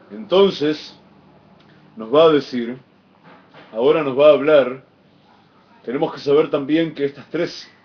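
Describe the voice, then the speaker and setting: A man teaching a Torah lesson, explaining Hebrew text with expressive emphasis and chanted phrases. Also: on the high side. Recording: dull lo-fi recording.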